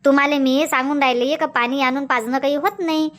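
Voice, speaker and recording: Scolding insistently in long, indignant rants, a woman cartoon voice actor plays a nagging middle-aged village farm wife in a comic cartoon. Her voice is high and a bit bright, with a steady tone at a fairly quick pace.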